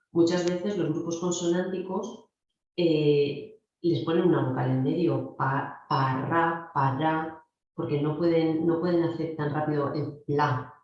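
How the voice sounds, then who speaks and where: A woman's voice: low-pitched, mellow. A middle-aged woman from giving a clinical speech therapy lecture, explaining things directly to her students. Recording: very echoey, dull lo-fi room sound.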